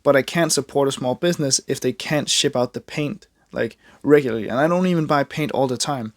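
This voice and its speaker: This art vlogger, a young Dane with a Danish accent, talks briskly in a mid-range voice as he draws, chatty and rambling, joking about himself with frequent fillers and restarts. The audio is studio quality with no echo.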